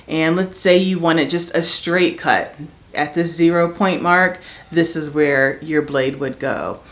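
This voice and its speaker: A woman's voice: deep voice, takes it slowly, roomy sound. A woman hosting a home DIY vlog, talking casually and chattily straight to her viewers as she explains things. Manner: chatty, addresses viewers directly. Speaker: DIY home makeover channel host.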